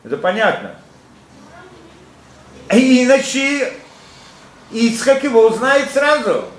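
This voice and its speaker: A man's voice: very high voice, big pitch swings, slow pace. A man giving a Torah lesson to students. He explains through rhetorical questions and quotes Hebrew verses. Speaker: Torah teacher. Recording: echoey room with faint ambience.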